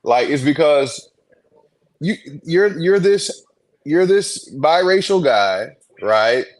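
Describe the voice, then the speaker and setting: A man's voice: on the high side, expressive, slow. Rambling man on a podcast. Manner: rambling, restarts a lot, gets worked up. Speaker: podcast co-host. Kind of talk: casual sports podcast chat.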